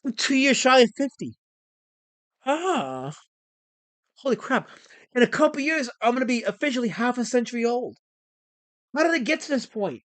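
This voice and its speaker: A man in his forties hosting a casual livestream, excitable and rambling as he reads chat messages aloud. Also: extremely high pitch, moderate pace, pauses often, no echo. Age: 40s. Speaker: livestream host.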